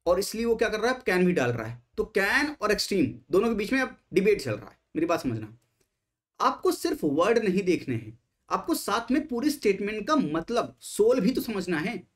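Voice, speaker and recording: A man's voice: high-pitched, big pitch swings, moderate pace. A man teaching exam strategy, speaking emphatically, asking rhetorical questions and mixing English terms into his Hindi.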